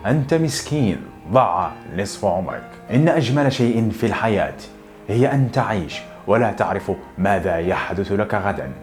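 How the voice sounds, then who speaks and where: Male reader doing a defiant divorcée, cutting and scornful, low voice. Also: lively intonation, darkish tone, soft background music, close to an everyday voice. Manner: scornful, cutting, rapid-fire questions. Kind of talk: audiobook narration.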